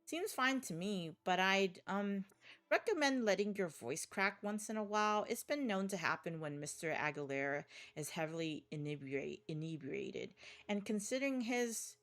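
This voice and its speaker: A woman's voice: medium pitch, lively intonation, moderate pace, natural voice. A woman voicing a polite, businesslike female receptionist with a prim, clinical manner.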